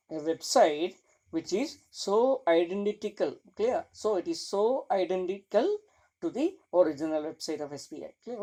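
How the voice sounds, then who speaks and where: A lecturer giving a classroom lecture, mixing English terms in and often stopping to ask "clear?". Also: mid-range voice, warm tone. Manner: keeps asking "clear?" between points; mixes English terms into explanation.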